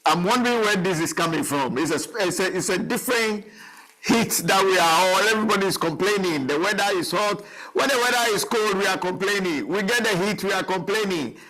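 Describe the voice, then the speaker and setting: A man's voice: high voice, a little fast, bright, forceful tone, poor audio. A man hosting a television talk show, interviewing a guest in a rambling, chatty way with frequent laughs. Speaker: TV show host.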